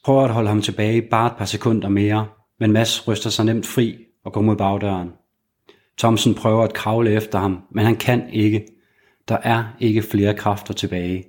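Low-voiced man narrating a thriller. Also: darkish tone. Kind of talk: scripted audiobook narration of a crime thriller.

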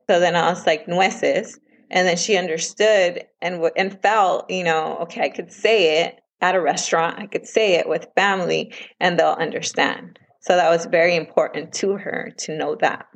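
A woman in her thirties with a husky, breathy voice that sits a little low. She talks earnestly and with feeling as a guest in a casual interview. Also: rough recording. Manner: earnest and emotional, quoting others in lively voices. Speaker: guest, parent of a child with food allergies.

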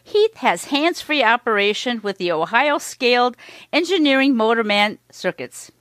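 A woman's voice: a little high, expressive, moderate pace, fairly bright tone, a little hiss or hum. A woman reading a playful sponsor spot for a hobby podcast, breaking into giggles. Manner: giggly, keeps breaking into laughter. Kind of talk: playful scripted ad read.

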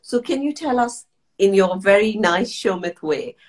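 A woman's voice: medium pitch, expressive, measured pace, darkish tone. Woman interviewer asking questions. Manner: supportive, frequent short affirmations. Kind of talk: conversational interview.

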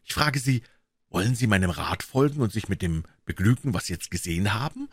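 A man's voice: on the low side, animated, a little fast, slightly rough, dry recording, clean studio sound. A man voicing a sinister, feverish male visitor who tempts and commands in urgent, theatrical declamation. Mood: menacing.

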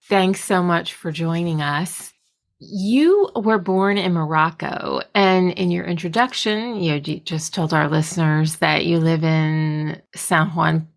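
A woman co-host asks interview questions in a slow, measured way. Her voice is low and gravelly, and the pace stays very unhurried. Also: a bit bright. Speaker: podcast co-host.

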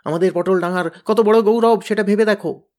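A man's voice: sits high, brisk, a little mellow, voice pushed up, lightly acted. A man voicing a clever, mild teenage boy who answers with cheeky, teasing reasoning.

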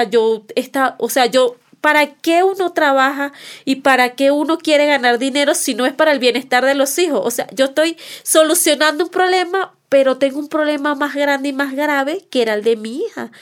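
High-pitched woman, mother telling her story on a podcast, heartfelt, repeats for emphasis. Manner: acts out past conversations. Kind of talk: personal testimony podcast.

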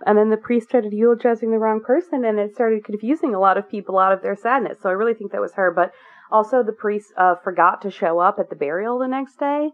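A woman's voice: medium pitch, fast. A woman being interviewed as a guest, talking candidly and at length, with many fillers and restarts. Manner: earnest, rambling with many fillers. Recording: tinny phone-like line.

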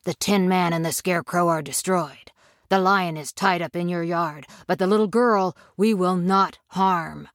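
A woman voicing the male leader of a band of winged monkeys, speaking in a hushed, serious way. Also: on the low side, unhurried, no room sound, clean studio sound. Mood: reporting.

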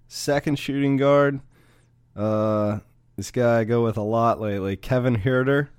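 A man's voice: mid-range voice, a little slow, darkish tone, clear, resonant tone, no echo, studio quality. A man hosting a casual sports betting podcast, steadily listing his picks one by one.

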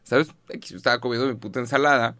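A man's voice: mid-range voice, steady tone, fast, sharp tone, no echo, studio quality. A man with a Mexican accent, co-hosting a podcast in casual, slangy chat and telling a story with a lot of swearing. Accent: Mexican Spanish. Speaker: podcast co-host.

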